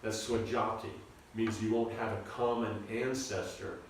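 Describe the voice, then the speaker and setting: A man teaching a seminar on scripture, talking in a halting, informal way and often repeating his words. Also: lowish voice, steady tone, a little hiss or hum. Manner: halting, repeats words, asks the audience to follow. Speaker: spiritual teacher giving a seminar lecture. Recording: echoey room, recorded from a distance.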